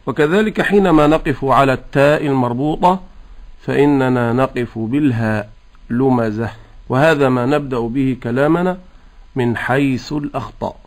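A man teaching Quran recitation, explaining pronunciation rules patiently and chanting the verses in a slow, drawn-out melodic style. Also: medium pitch. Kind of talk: tajweed lesson with recitation.

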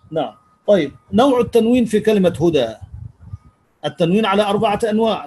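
A man's voice: sits high, mellow, a little hiss or hum, rough recording. A man teaching a live lesson on Quranic grammar, patiently repeating key words and thanking listeners as he answers their comments.

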